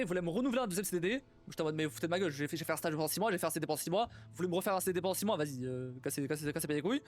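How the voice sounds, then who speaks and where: A young man with a slightly higher voice talks casually on a live stream, rambling and swearing as he goes. Faint music plays softly behind him. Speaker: streamer and game developer.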